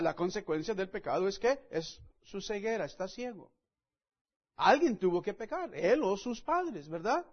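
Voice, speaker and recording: Earnest male preacher, high voice, measured slow delivery, leaning hard on key words; muffled lo-fi sound. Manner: earnest, repeatedly addresses listeners as friends; emphatic, stresses key words. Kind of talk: sermon with scripture reading.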